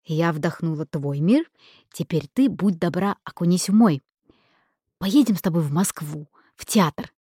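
A woman's voice: on the low side, lively intonation, measured pace, dark tone, husky, no echo, studio quality. A woman reading an audiobook and voicing an impulsive young woman in love who exclaims, pushes and swears. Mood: excited, pushy.

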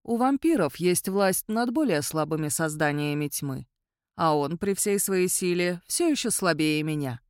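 A woman reading an audiobook voices an ancient male vampire count who speaks in a quiet, measured and coolly superior way. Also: a little high, expressive, clear, resonant tone, dry recording, clean studio sound. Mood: soft, even. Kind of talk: audiobook character voice.

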